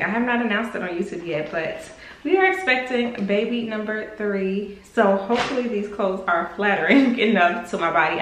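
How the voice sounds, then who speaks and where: A young woman in casual, chatty talk, showing a clothing haul to her viewers and calling them y'all. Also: mid-range voice. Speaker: vlogger. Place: room in a house under renovation. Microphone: camera on a desk in front of her. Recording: roomy echo with clear background noise.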